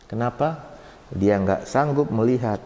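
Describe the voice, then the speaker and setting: Animated preacher in an echoey hall. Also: male voice, mid-range voice, measured pace, slight background noise. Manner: animated, addresses the congregation directly. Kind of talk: storytelling sermon.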